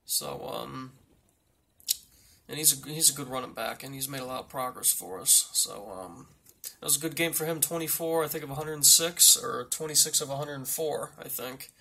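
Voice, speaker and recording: Gravelly, halting football coach played by a man. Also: mid-range voice, pushed and bright, exaggerated voice. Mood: blunt, rambling. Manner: halting, rambling, repetitive. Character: blunt, rambling male football team coach at a press conference. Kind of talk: mock press conference, off-the-cuff answers.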